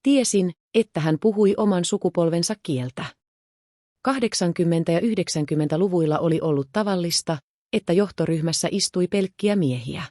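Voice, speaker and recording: A woman narrating a first-person story in a calm, measured way. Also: fairly low pitch, no echo, studio quality.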